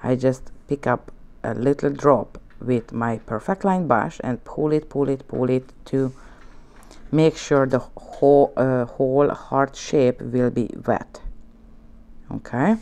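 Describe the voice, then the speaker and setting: This Hungarian-accented woman, a native speaker, calmly narrates a nail art session from her indoor studio desk, filmed from above. She coaxes gently and keeps checking "okay?", speaking slowly in a bass voice.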